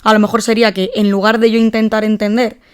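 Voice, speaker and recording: A young woman with a Spain Spanish accent, a psychologist co-hosting a podcast, explaining things calmly with example dialogue. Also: medium pitch, fast, smooth. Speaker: psychologist co-host. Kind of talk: casual podcast chat.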